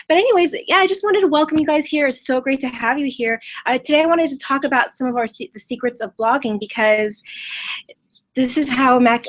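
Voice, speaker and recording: A woman in her thirties from California hosts a live online business training from a family home. Her voice is on the high side and a bit bright, and she chats upbeatly with many fillers and restarts during the live-streamed session.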